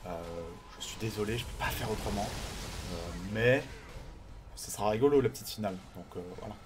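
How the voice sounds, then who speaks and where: A man casting a live online game tournament, chatty and excitable, greeting viewers and swearing casually. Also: on the low side, brisk, a little hiss or hum. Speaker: tournament caster and streamer.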